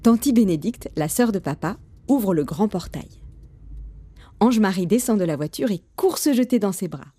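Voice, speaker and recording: A woman narrating a children's storybook with an expressive, lively reading. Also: medium pitch, moderate pace, breathy edge, dry recording.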